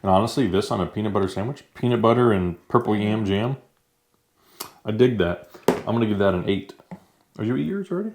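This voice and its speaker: A man's voice: fairly low pitch, fairly quick, a little mellow, a little hiss or hum. A man casually chatting as he tastes new foods for a vlog, easygoing and talking while eating. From United States. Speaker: vlogger. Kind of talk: casual food-tasting chat.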